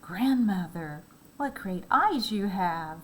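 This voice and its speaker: An innocent little girl from a storybook, voiced by a woman reading aloud speaks slowly and eagerly. Her lines rise higher than the narration, with a sing-song lilt. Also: lively intonation, a bit bright, slight background noise, rough recording. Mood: wondering.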